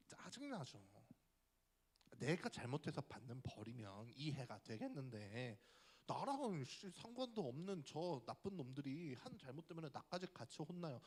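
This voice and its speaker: A young man, a youth pastor, giving a casual, chatty sermon and often asking the audience questions. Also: on the high side. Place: church hall.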